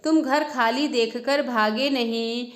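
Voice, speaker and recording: A woman's voice: fairly high pitch, fairly even intonation, slow. A woman voicing a frail old village man, abandoned by his family, pleading and lamenting in a storybook reading.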